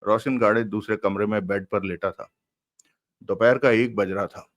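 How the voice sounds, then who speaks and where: Low-voiced male audiobook narrator. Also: fairly even intonation, moderate pace, no room sound. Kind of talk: audiobook narration of a crime novel.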